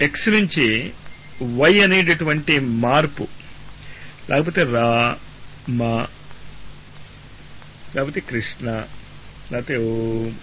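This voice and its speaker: A man's voice: mid-range voice, steady tone. Man teaching spiritual discourse, tinny radio sound. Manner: slow, drawn-out syllable-by-syllable chanting of sounds; asks rhetorical questions and answers them. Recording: tinny phone-like radio broadcast with faint noise.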